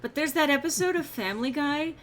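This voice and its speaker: Woman streamer host, bright and sharp tone, chatty self-mocking rambles, slightly subdued from feeling unwell. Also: high-pitched, lively intonation, brisk, slight background noise. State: slightly under the weather, subdued. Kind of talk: casual gameplay stream chat.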